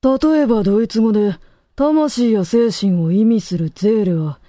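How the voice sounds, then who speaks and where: A stern co-host lays down verdicts in short, clipped sentences. The voice is very dark and mellow, recorded dry and close. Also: medium pitch, big pitch swings, unhurried, no echo. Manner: stern, lecturing, clipped declaratives. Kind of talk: terse authoritative pronouncements.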